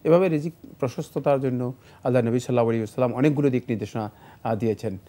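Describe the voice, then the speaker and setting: Male religious scholar, mid pitch, mellow voice, patient and explanatory. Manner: measured, explanatory, many fillers. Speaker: Islamic scholar answering questions. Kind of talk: studio Q&A explanation.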